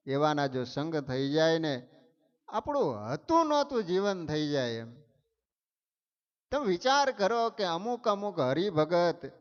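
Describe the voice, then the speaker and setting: Slow, clear-voiced preacher in a hall. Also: male voice, on the high side. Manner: animated storytelling, dramatic emphasis. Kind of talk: storytelling sermon. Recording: dull sound, long hall reverb.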